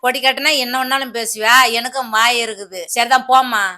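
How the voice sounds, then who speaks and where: A woman's voice: fairly high pitch, fairly even intonation, brisk, sharp tone. A woman voicing a fiery, protective mother in a doll play drama, arguing and nagging. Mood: defensive. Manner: argumentative, nagging.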